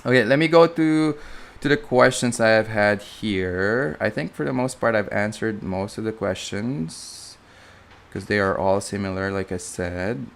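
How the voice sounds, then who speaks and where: This young flight instructor speaks with a Filipino accent in a fairly low, gravelly yet fairly bright voice, a little slowly. Hosting a live Q&A stream from the Philippines, he's chatty and rambling, often self-correcting with many fillers. A little hiss or hum is audible.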